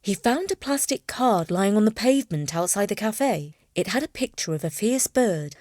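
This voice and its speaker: A woman's voice: medium pitch, expressive, moderate pace, a little mellow, dry recording. A woman telling a children's story with scripted, playful narration. Her mid-range voice moves expressively up and down, and the recording is close and dry with no room sound.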